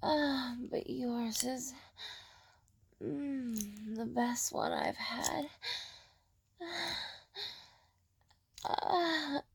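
A woman in an intimate roleplay recording, breathy and often whispering, pleading slowly with soft moans between her words. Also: on the high side, fairly even intonation.

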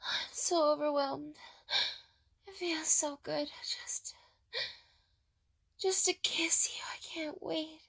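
A woman in an intimate roleplay recording, breathy and often whispering, pleading slowly with soft moans between her words. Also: high-pitched, fairly even intonation.

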